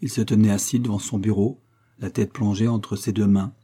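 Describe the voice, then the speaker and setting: A man reading a classic story aloud as audiobook narration, in a steady storytelling manner. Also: on the low side, normal speed, slightly rough. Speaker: audiobook reader.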